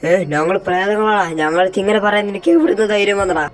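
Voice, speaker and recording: A man voicing a thief pretending to be a ghost in a game role-play, talking slowly and threateningly. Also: high-pitched, fairly even intonation, soft background music, natural voice. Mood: menacing. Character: thieves posing as ghosts, menacing then meek.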